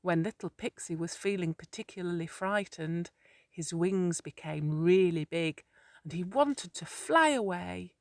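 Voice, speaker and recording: Female storyteller, calm therapeutic bedtime-story read, unhurried, dry studio feel. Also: on the low side, no echo. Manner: slow, soothing, measured.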